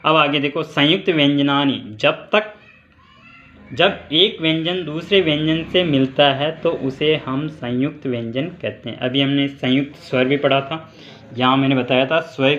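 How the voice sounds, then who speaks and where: A man teaching a school Sanskrit grammar lesson, asking questions and answering them himself, and spelling sounds out slowly syllable by syllable. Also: fairly high pitch, fairly bright tone, dull audio, slight background noise.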